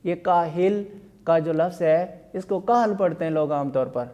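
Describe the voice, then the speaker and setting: A male teacher giving an online language lesson, drilling pronunciation slowly and repeating each word. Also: on the high side, mellow, lo-fi sound. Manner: slow, careful dictation of words and vowel marks.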